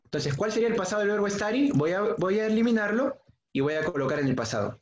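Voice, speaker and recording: A man's voice: high voice, lively intonation, fast talker, slight background noise. A man teaching an English grammar lesson in on an online class, patiently repeating key points and calling on students by name. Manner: asks students questions by name. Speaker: secondary school English teacher. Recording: dull, echoey room sound.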